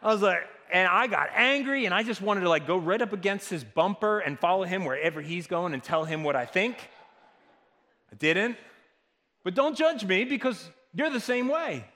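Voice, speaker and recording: A male pastor preaching a sermon, earnest, moving between loud emphatic lines and soft, hushed ones. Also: sits high, animated, moderate pace, long reverb tail. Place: church.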